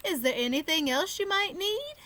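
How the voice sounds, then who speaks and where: A woman's voice: extremely high pitch, sing-song, moderate pace, sharp tone, pitched above the performer's own voice, full character voice. A woman voicing a cheerful male ship steward with a singsong Irish accent, read aloud from a storybook. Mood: jolly.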